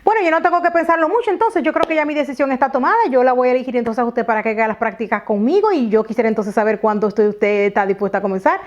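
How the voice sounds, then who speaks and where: A woman's voice: a little high, very fast, few pauses, natural voice. A woman voicing a polite, keen female lawyer from Germany in a retold story. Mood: polite, pleased. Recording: slightly dull lo-fi audio.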